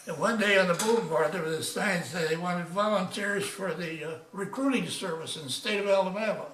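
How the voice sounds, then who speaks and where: An elderly man in his nineties with a high, bright voice reminisces as an old veteran remembering. He speaks haltingly, circling back over his words. The recording is echoey and distant from the microphone. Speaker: retired army major, war veteran. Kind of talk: reminiscing in a casual interview.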